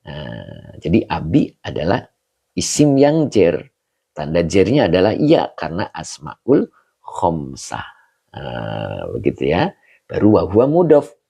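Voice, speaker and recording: A man teaches Arabic grammar on a live stream, reading out and answering viewers' comments as he goes. His low voice is gravelly and husky, and his pitch moves up and down a lot. He speaks at an unhurried pace and often checks in with the listener. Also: wildly swooping pitch, dark tone. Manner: reads out and greets viewers' comments; explains slowly, with rising checks like "begitu ya". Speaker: religious teacher. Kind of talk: livestreamed Arabic grammar lesson.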